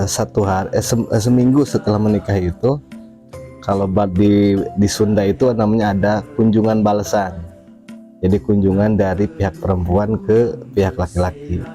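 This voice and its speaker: A man recalling memories of a late religious teacher in a measured, thoughtful way, pausing on fillers. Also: lowish voice, fairly even intonation, mellow, soft background music. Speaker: family member remembering the late cleric. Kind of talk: reflective reminiscing interview.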